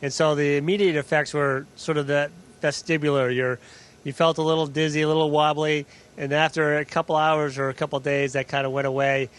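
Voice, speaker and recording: A man with a moderately high voice talks as an astronaut. He answers informally, thinking aloud as he explains. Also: level tone, a little fast, fairly bright tone. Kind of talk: answering questions in a live link-up.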